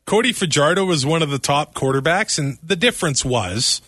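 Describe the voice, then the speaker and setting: Animated man, bright and hoarse. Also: fairly high pitch, fairly quick, no room sound, clean studio sound. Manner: excitable, laughs often. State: nearly losing his voice. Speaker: podcast co-host. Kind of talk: casual sports chat.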